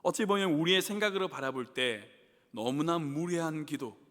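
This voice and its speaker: A man's voice: on the high side, moderate pace, a bit bright. A man preaching a Wednesday evening sermon as pastor. He puts questions to the congregation and voices the psalmist's laments. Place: church sanctuary. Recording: long hall reverb in a church.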